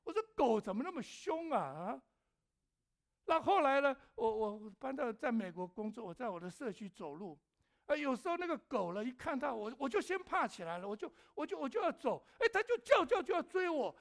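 A middle-aged male pastor with a high, bright voice that rises and falls in a very lively way. He preaches by telling animated personal stories, acting out his own shouts and turning to ask the congregation questions.

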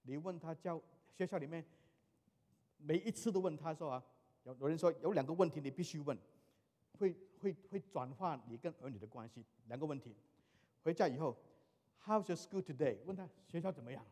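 Middle-aged man, pastor, lively storytelling sermon, fairly high voice, long hall echo. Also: brisk. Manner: animated storytelling, mixing in English phrases.

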